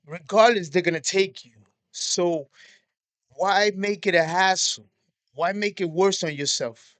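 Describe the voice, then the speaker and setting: A man's voice: high-pitched, unhurried, a bit bright, no echo. A man hosting a reaction video, giving blunt, profane, matter-of-fact commentary.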